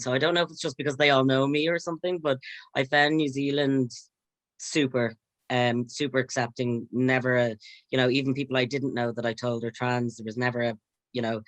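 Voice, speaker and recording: A man in his late twenties from North County Dublin, Ireland, talks casually as an interview guest, rambling and dropping plenty of "you know"s. His voice is mid-range and a bit bright, and the recording is dry.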